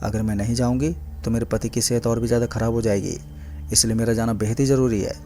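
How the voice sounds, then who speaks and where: A man's voice: mid-range voice, flat delivery, quick pace, mellow, soft background music, natural voice. A man voicing an old village woman who urgently begs for a boat ride in a horror story. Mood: pleading. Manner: pleading, urgent.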